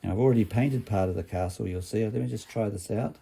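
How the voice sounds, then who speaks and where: This builder-themed workshop vlog for children is hosted by a man whose voice is on the low side, fast and creaky. He keeps a cheerful party-host tone, explaining simply and using tag questions to check in.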